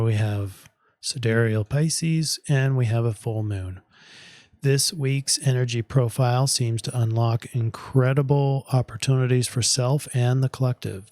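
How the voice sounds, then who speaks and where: A man delivering a weekly astrology forecast in a measured, deliberate way, and he is losing his voice. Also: medium pitch, darkish tone, dry recording.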